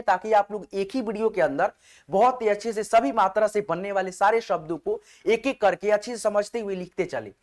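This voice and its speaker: A man teaching an online spelling lesson step by step, a patient and repetitive tutor who slowly spells out letters one by one and keeps checking in with his viewers. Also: sits high.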